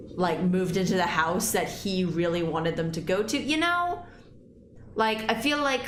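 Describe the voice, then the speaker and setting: Brief: woman, let's play host, rambling, animated musing, echoey room, faint hiss. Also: fairly low pitch. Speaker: gaming channel host. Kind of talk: let's play commentary and reading aloud.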